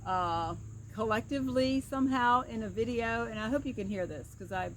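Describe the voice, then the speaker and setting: A middle-aged vlogger and pastoral counselor talks casually and earnestly outdoors by a creek, filmed by a camera a short distance away. Her fairly high voice moves at normal speed, slightly slurred as if one side of her mouth were numb. The low-quality recording clearly picks up insects and woodland ambience.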